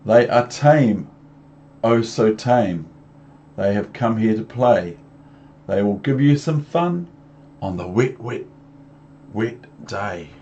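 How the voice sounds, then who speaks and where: A man with a New Zealand accent voicing a playful, confident cat showman from a children's storybook, with emphatic, drawn-out delivery. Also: on the low side, expressive, dark tone, highs cut off, a little hiss or hum. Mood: reassuring.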